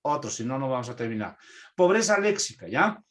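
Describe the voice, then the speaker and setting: A man's voice: medium pitch, big pitch swings, fairly quick. A man from Peru teaching a translation class, explaining points step by step and often checking in with his students. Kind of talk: online class lecture.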